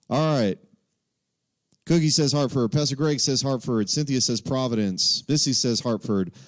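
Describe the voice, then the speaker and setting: A man's voice: mid-range voice, measured pace, pauses often, no echo, clean studio sound. A man from Texas, casually hosting a live quiz and thinking aloud as he reads out the answer options. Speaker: livestream quiz host.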